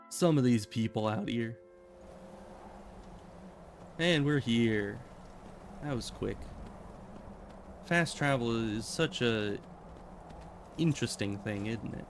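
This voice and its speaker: A man's voice: mid-range voice, slow, pauses often, soft background music. A man streaming a game, chatting casually and rambling as he thinks aloud. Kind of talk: casual gameplay commentary.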